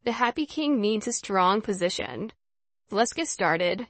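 A woman with a medium-pitched, expressive voice reads visual novel dialogue at an unhurried pace in a dry recording. She plays a friendly, encouraging schoolgirl who runs a chess class, speaking in an instructive way.

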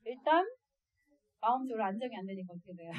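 A woman speaking as an adoptive mother to other parents, telling stories in a lively way and often laughing. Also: mid-range voice, a little fast, dull audio. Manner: lively, acts out quoted voices and laughs often. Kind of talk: storytelling lecture to parents.

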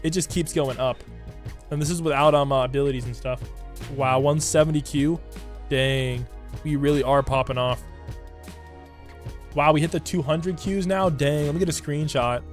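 A man with a hoarse, raspy smoker's voice, recovering from losing it, giving slangy, hyped game commentary to his viewers over music. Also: fairly high pitch, steady tone, normal speed, pauses often. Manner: slangy hype talk addressed to viewers. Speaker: gaming YouTuber. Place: indoor room at a computer. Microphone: desk microphone close to the mouth.

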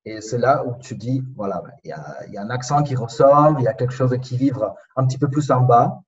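A man with a slight Spanish accent, his first language Spanish, chats as a podcast guest and muses aloud with frequent pauses. He sits a little away from the mic, and the sound is dull and muffled. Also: medium pitch, far from the mic. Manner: reflective, searching for words, many pauses. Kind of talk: casual conversation.

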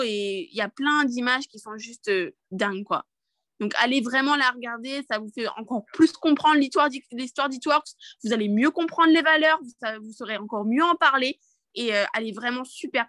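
Chatty high-voiced woman trainer. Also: a bit bright, no echo. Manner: chatty, upbeat, many fillers and restarts. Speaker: network marketing trainer. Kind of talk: live online training session. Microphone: video call.

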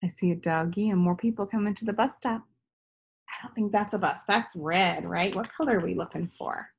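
In a small living room, a woman in her thirties reads aloud to young children, sounding teacherly and prompting them with questions. Her mid-range voice moves briskly, with vocal fry and a breathy edge.

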